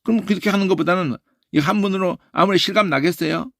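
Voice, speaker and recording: A man teaching a Bible study lecture in an animated way, who keeps tossing in questioning "eh?" tags. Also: high voice, fast talker, gravelly, dry recording, clean studio sound.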